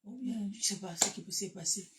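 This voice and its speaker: A woman with a Cameroonian French accent chatting casually to her followers, animated and breaking into loud bursts. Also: mid-range voice, brisk, heavy background noise. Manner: animated, laughs loudly, shifts to loud bursts. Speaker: social media live host. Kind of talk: casual live chat to followers.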